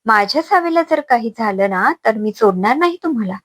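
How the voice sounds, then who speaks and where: A woman voicing a furious mother who shouts at her son-in-law to defend her daughter in a family story. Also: on the high side, animated, brisk, no room sound. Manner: shouting, fierce.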